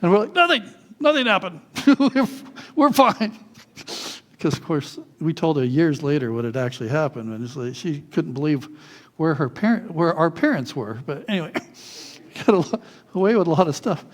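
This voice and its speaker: A man with a fairly high voice preaches with lively, animated storytelling. He chuckles as he goes and acts out the voices of the people in his anecdotes before easing into his lesson. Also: brisk. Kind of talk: sermon with childhood anecdotes.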